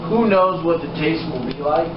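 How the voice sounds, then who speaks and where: A man's voice: fairly high pitch, expressive, normal speed. A man casually talking through a cooking vlog in his home kitchen, rambling and unsure, with many fillers. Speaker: cooking vlogger. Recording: echoey, dull, noisy home-camera audio.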